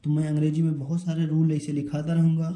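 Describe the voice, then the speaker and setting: A man's voice: a little high, monotone, fast talker, mellow, echoey room, low-quality recording. A male teacher giving a pronunciation lesson, spelling words out letter by letter and answering his own questions. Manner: asks a question, then answers it himself. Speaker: English teacher. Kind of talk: spoken English pronunciation lesson.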